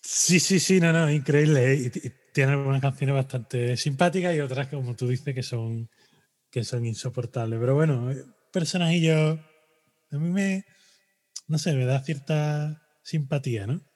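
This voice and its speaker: A man co-hosting a relaxed podcast chat, animated and jokey. His voice sits at an ordinary middle pitch, and his sentences often trail off into fillers. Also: moderate pace. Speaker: podcast co-host. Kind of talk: casual chat.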